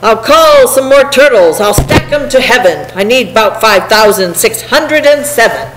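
A woman's voice: fairly high pitch, lively intonation, normal speed, over music, natural voice, rough recording. A woman voicing a bragging, bossy turtle king in a storybook, pompous and commanding. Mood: indignant, determined.

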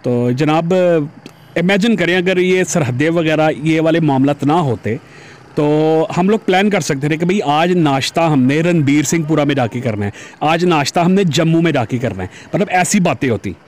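Riding through heavy city traffic in Pakistan, a man vlogs with a fairly high, expressive voice at an ordinary speed. He chats casually with viewers, calling them "janab", and his helmet-mounted camera picks up the sound.

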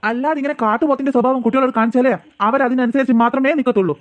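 A teasing, easygoing cartoon father, voiced by a man, his voice set high and talking fast. His speech sounds dry, close and plain. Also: fairly even intonation, dry recording, dull audio. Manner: jokey, coaxing, quick talk.

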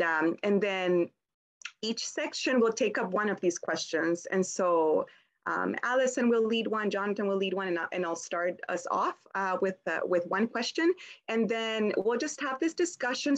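A young woman moderating a panel discussion over a video call, speaking in a friendly, halting way with many ums and restarts. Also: medium pitch. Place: indoors at home, plain wall.

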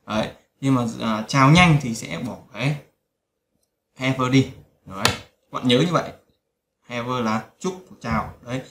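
Drilling phrases over and over, a man teaches a spoken English lesson and keeps urging listeners to remember. He speaks at medium pitch, with a roomy echo and a little hiss or hum in the recording.

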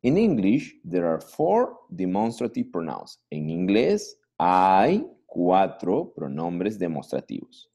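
Man, english teacher, online lesson, low pitch, slow careful delivery. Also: huge pitch swings, creaky, warm tone. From Peru. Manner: slow, drawn-out model pronunciation with questioning tags. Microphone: computer mic.

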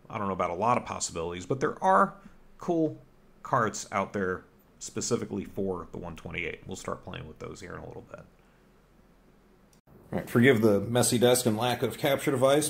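A man rambles through a casual technical walkthrough of an electronics hobby mod at his home workbench, surrounded by computer gear, and pokes fun at himself along the way. His voice is lowish with vocal fry.

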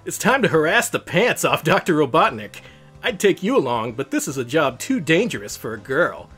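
A man's voice: a little high, big pitch swings, moderate pace, a bit bright, breathy edge, faint music behind, heavily acted. A man voicing a cocky, impatient cartoon hedgehog hero from a children's storybook. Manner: brash, impatient. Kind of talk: storybook character voice.

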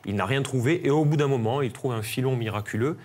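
A man's voice: medium pitch, quick pace, a little mellow. A film columnist on a TV show, talking enthusiastically about a film he recommends. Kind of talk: TV studio film review. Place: TV studio.

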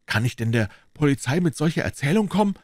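A man's voice: a little high, animated, fast talker, no echo, clean studio sound, voice pushed up. A man voicing a young American man who speaks in an anxious, pleading way.

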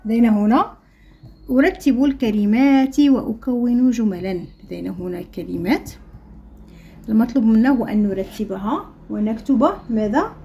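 A woman's voice: fairly high pitch, dark tone, slightly rough. A woman teacher with a Moroccan accent dictating an Arabic reading lesson to young children, drawing words out syllable by syllable. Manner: drawn-out syllable-by-syllable reading, then quick asides. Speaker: primary school Arabic teacher.

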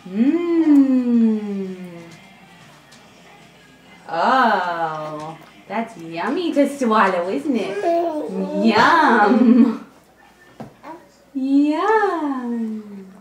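A woman's voice: a little high, very animated, very slow, long pauses, faint music behind. A woman talking coaxing, sing-song baby talk to her infant in a casual home video. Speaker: mother feeding her baby. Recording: roomy echo.

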